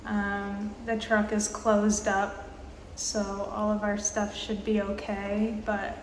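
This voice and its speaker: A twentysomething vlogger with a medium-pitched voice talks casually about her travels while standing in a small indoor public bathroom with tiled walls. She pauses often and leans on fillers, keeping a slow, even pace, and the audio carries a roomy echo and a little background noise.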